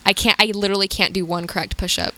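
A woman's voice: mid-range voice, steady tone, fast, bright, forceful tone. A young woman chatting casually, telling stories with lots of "like" and frequent giggles. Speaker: performer and podcast guest. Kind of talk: casual chat.

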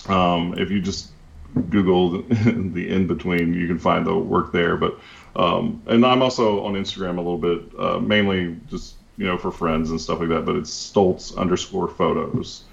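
A man's voice: low voice, steady tone, normal speed, creaky, highs cut off. A man speaking as a guest photographer on a podcast, rambling casually with many fillers and restarts.

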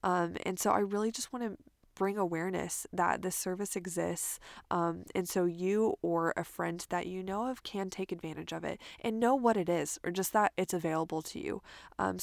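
A woman hosts her own podcast as a career coach, and her voice sits low with a gravelly, creaky edge. She talks earnestly and brightly, full of "um"s and restarts. The sound is close and dry, with no room echo. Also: fairly even intonation, normal speed. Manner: earnest, upbeat, with frequent fillers and restarts. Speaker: podcast host. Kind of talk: casual solo podcast monologue.

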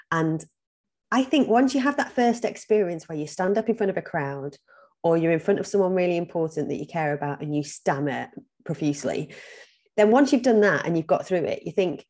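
A woman with a deep, darkish voice speaks earnestly as a guest in a podcast interview, reflecting as she talks. She says um a lot and repeats some words.

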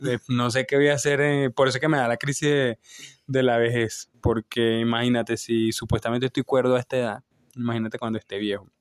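A man's voice: mid-range voice, level tone, fairly quick, smooth, dry recording, studio quality. A young man, co-hosting a casual podcast and telling stories with many fillers and restarts. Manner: rambling storyteller with many fillers and restarts, laughs often. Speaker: podcast co-host.

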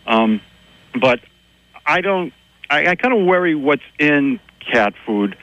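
A man's voice: fairly high pitch, animated, slow, fairly bright tone, dry recording, muffled recording. A man, a guest bird expert on a radio show, talking in a folksy, hesitant way with many fillers. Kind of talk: casual radio chat.

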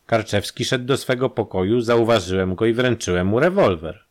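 A man's voice: fairly low pitch, animated, moderate pace, pitched above the performer's own voice, lightly acted. Man doing a stammering, jittery actor. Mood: nervous. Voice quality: slightly hoarse. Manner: stammering, flustered. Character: nervous, evasive male film actor under questioning.

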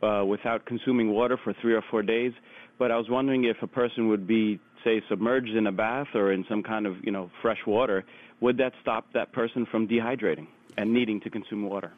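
Low-voiced male caller on the phone. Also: steady tone, fairly quick. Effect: heard over the phone. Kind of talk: asking a question on a call-in show. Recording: tinny phone line.

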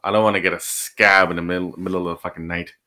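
A man co-hosting a casual podcast, blunt and profane with loud outbursts. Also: low-pitched, flat delivery, fast. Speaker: podcast co-host. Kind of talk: casual crude chat.

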